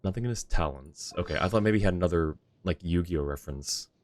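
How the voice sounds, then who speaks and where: Quick and darkish in tone, a deep male voice rambles through casual livestream commentary as the host thinks aloud about his game. Game music plays in the background.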